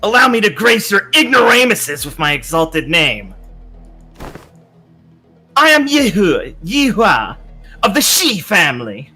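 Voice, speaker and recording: Man putting on a pompous, high-pitched young nobleman. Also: very animated, pushed and bright, faint music behind, full character voice. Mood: boastful grandeur. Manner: pompous, drawn-out, grandiose. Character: haughty, theatrical young nobleman villain, exalting himself. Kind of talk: reading video game dialogue in character.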